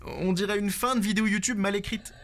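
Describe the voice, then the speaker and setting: A man's voice: high-pitched, steady tone, fast talker, a bit bright, slight background noise. A man narrating a comic film review in a sarcastic, mock-explanatory way with crude asides.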